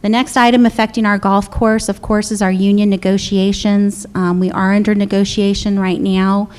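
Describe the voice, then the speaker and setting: A woman's voice: mid-range voice, level tone, moderate pace, a little mellow, smooth. Businesslike woman presenting a budget. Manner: businesslike, with frequent "uh" and restarts. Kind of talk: budget presentation with audience questions.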